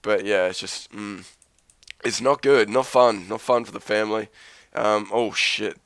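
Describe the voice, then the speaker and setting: A man with a sick voice talks through his gameplay in a loose, rambling way, cursing often and joking at his own expense. His voice sits fairly low and comes through smooth and clear. The recording is dry and close. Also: steady tone, measured pace, a bit bright, no echo. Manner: rambling, profane, self-mocking. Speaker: Let's Play host. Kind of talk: casual gameplay commentary.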